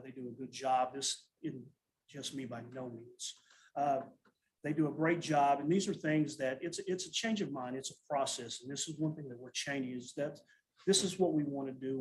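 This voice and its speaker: A man's voice: mid-range voice, normal speed, slight background noise, low-quality recording. Man giving a matter-of-fact budget report. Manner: steady, matter-of-fact, with frequent restarts. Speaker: school child nutrition director. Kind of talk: presenting a financial report at a school board meeting. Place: school board meeting room.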